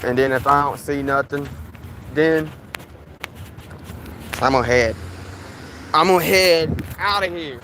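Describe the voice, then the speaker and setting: A man's voice: a little high, unhurried, pauses often, background noise. A man vlogging outdoors on a hot day, sweating and talking in a casual, repetitive ramble full of restarts. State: sweating in the heat. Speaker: vlogger filming police in his town.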